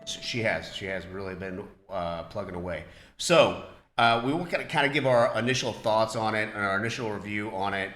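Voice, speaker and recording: A man hosts a relaxed chat about a video game, his voice low-pitched yet bright. He rambles and restarts, with plenty of fillers. The recording is roomy, with faint music beneath. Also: a little fast. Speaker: channel host. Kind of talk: casual game review chat. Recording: echoey room with music underneath.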